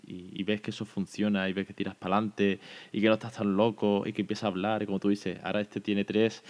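A man's voice: lowish voice, little pitch movement, a little mellow. A man hosting a podcast, chatty and effusive in a casual interview. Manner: chatty and effusive, quick asides. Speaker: podcast host. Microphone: recorded without camera.

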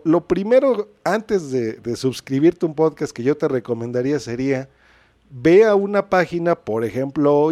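Mexican male podcast host, casual explainer, mellow tone, dry close sound. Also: on the high side, no echo. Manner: chatty, asks "¿no?" often. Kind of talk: casual instructional chat.

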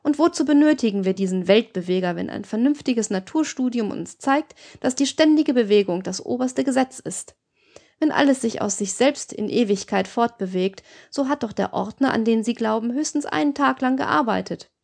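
A woman's voice: fairly high pitch, animated, normal speed, vocal fry, a little mellow. A woman voicing a brutal male robber chief who lectures with cold, sneering arguments.

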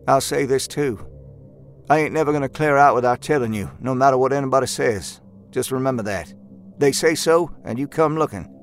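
A man voicing a young, rough-spoken country man with a folksy slang drawl, eager and haunted, in an audiobook. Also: mid-range voice, a little fast, faint music behind, lightly acted. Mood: earnest. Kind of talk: audiobook character voice.

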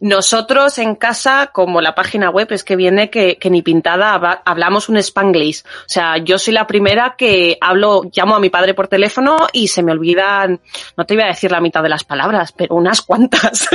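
A woman's voice: medium pitch, moderate pace, a bit bright, dry recording, clean studio sound. A woman from Spain, raising a bilingual family, explaining her ideas at length in a casual chat.

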